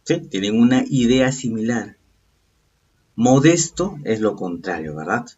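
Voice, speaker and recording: A man teaching a recorded review lesson, explaining patiently and checking in with quick "okay?" and "right?" questions. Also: mid-range voice, very animated, darkish tone, husky. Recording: distant, dull lo-fi voice.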